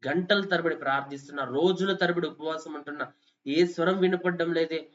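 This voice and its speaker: Impassioned male preacher, higher voice. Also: steady tone, moderate pace. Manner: impassioned, rising to loud pleading calls. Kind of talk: sermon. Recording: dull lo-fi sound.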